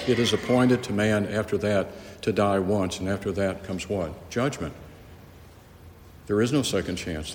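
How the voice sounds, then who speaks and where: A man's voice: deep voice, a little mellow, a little hiss or hum. A male pastor giving an earnest, emphatic expository Bible teaching, often repeating words as he restarts. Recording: echoey hall with faint ambience.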